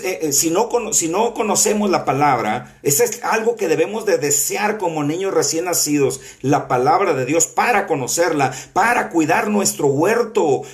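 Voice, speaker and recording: A male preacher with a slightly high-pitched voice teaches a Bible class. He talks earnestly and conversationally, weaving scripture quotes in with frequent fillers and false starts. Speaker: apostle teaching a prophetic school class. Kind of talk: sermon-style Bible teaching.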